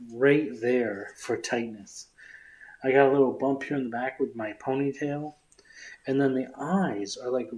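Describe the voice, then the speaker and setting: A man's voice: mid-range voice, dark tone. A man streaming live as a magician, chatting casually while his voice comes out muffled from inside a tight full-face rubber mask. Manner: rambling, self-talking, trailing off into mumbles.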